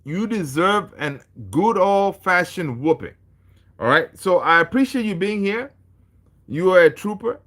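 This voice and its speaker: A man's voice: high-pitched, animated, measured pace, fairly bright tone. A man from Tanzania hosting a casual football livestream, chatting with viewers in a laid-back, chummy way and reading their comments aloud. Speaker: football channel host.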